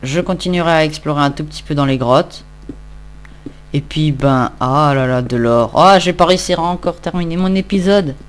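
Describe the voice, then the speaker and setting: A man with a voice on the high side plays a game and talks at a moderate pace, offering casual, wandering commentary that pokes fun at himself. He's a Minecraft let's-play host, tired because he just woke up.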